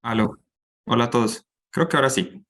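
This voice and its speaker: A young adult man from Bucaramanga, Colombia, speaks with a Colombian accent as a guest lecturer and doctoral student in an informal online class. His voice is medium in pitch, a bit bright, and a little fast.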